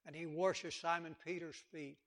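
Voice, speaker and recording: A man's voice: a little high, level tone, moderate pace, a bit bright. A man preaching a sermon with passion, repeating words for emphasis and acting out quotes.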